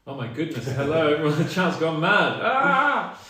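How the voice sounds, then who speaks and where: A man co-hosting a live stream chats casually and thanks viewers one by one, his voice ringing in a very echoey, big-hall room. He sounds a little high, very animated, bright and forceful, at a moderate pace.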